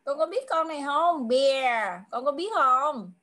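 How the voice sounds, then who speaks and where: A woman with a high, bright voice gives a child an online English lesson. She coaxes patiently and asks the same question again and again. Her English clues come out slowly and are drawn out word by word. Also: lively intonation. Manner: coaxing, repeats questions patiently. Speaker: tutor.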